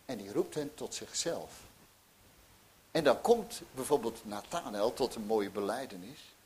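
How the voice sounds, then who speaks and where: A middle-aged man preaching a sermon, animated, with restarts and emphatic peaks. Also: medium pitch, measured pace, slight background noise.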